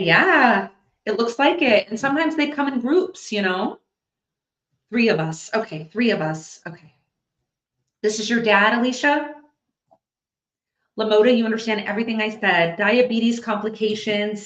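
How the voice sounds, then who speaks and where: A woman working as a psychic medium, giving a live reading to an audience and thinking out loud as she passes on messages. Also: mid-range voice. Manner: chatty, thinks out loud while relaying messages. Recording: echoey, slightly dull recording.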